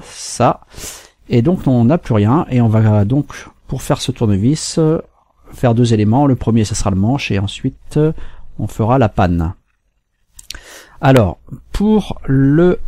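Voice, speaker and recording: A man from France hosting a screen-recorded software tutorial, walking through steps calmly with fillers and restarts. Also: fairly low pitch, no room sound. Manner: unhurried, step-by-step with fillers and restarts. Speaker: tutorial host.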